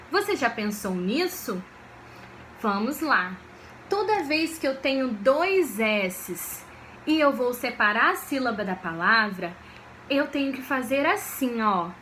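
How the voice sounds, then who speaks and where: A woman teacher, giving a video lesson for children in a slow, patient way and often checking that they follow. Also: sits high, pushed and bright, slight background noise. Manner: slow, patient, checks understanding with frequent questions.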